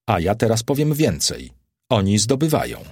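A man's voice: fairly low pitch, wildly swooping pitch, normal speed, darkish tone, breathy edge, no echo, voice pushed up, full character voice. A man voicing Petronius, a dry, ironic Roman courtier. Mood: knowing. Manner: dry, mocking irony.

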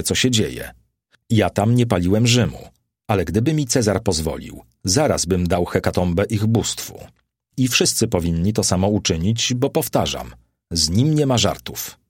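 A man's voice: sits low, big pitch swings, normal speed, husky, no room sound, studio quality, full character voice. A man reading the part of a superstitious, fearful Roman nobleman at the emperor's court who warns the others earnestly and insistently.

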